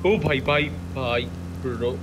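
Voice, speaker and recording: A man's voice: mid-range voice, slow pace, over music. A man playing alongside the streamer, bantering and teasing his teammate in casual chat. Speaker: co-player on stream.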